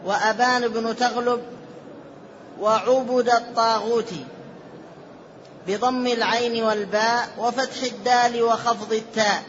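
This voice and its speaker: Student reader, male, very high and monotone, formal recitation, dull lo-fi recording with faint hiss. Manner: measured formal recitation with careful vowel marking. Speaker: student reading the text aloud. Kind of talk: reading a classical text aloud in a lesson.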